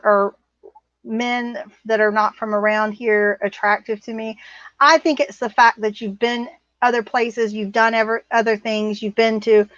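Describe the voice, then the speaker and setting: A woman's voice: a little high, fairly bright tone, no echo. A middle-aged woman co-hosting a livestream, reading viewer comments in a blunt, rambling casual chat. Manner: blunt, rambling, laughs often. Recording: muffled, dry sound.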